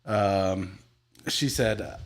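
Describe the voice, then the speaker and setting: A man's voice: low-pitched, extremely slow. A middle-aged man co-hosting a casual livestream chat, telling crude, joking stories and acting out the voices of the people in them. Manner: crude, joking storyteller who acts out voices. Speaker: podcast co-host.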